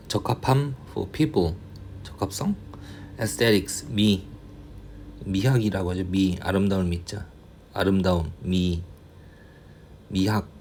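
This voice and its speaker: A male English tutor going through a reading passage, reading the English slowly and explaining in quick asides, often muttering and grumbling to himself. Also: low voice, darkish tone, a little hiss or hum. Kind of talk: casual reading-passage lecture.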